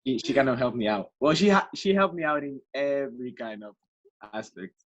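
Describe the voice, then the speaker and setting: Speaking English as his second language, a young Spanish student guesting on a laid-back podcast has a Spanish accent and an expressive, medium-pitched voice. He talks haltingly and keeps restarting, and the recording is muffled.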